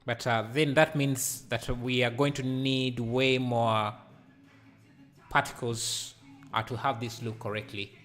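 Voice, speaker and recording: A man's voice: medium pitch, fairly even intonation, slow, fairly bright tone, soft background music. A man in his thirties streaming a live 3D art session, thinking aloud with many fillers and answering chat as he works. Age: 30s. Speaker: livestreaming 3D artist. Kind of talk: casual live tutorial, reading chat aloud. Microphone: headset microphone.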